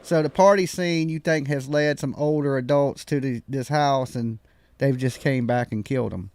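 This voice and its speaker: A man's voice: mid-range voice, moderate pace, darkish tone, no room sound. A man hosting a live stream panel, chatting casually in a folksy, slangy way.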